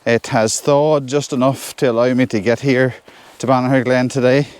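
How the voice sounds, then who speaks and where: Out on a snowy forest track on a hill, a man with a Northern Irish accent trudges along on foot, casually chatting to viewers in a solo hiking vlog. His voice is medium-pitched, flat, and at a normal speed, a little mellow, clear and resonant. The recording is dry.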